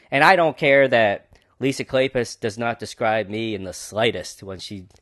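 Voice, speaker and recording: A man's voice: medium pitch, a bit bright, dry recording. A man hosting a book podcast, talking casually and sarcastically with lots of fillers. His voice sits in a mid range. The sound is dry and close. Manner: sarcastic, rambling, with many fillers. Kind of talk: casual commentary.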